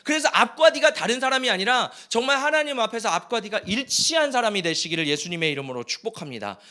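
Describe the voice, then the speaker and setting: Bright, lively Korean man preaching. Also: high voice, fast talker. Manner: animated, jokes and calls for amen. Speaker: pastor. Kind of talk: lively Friday-night sermon. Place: church sanctuary.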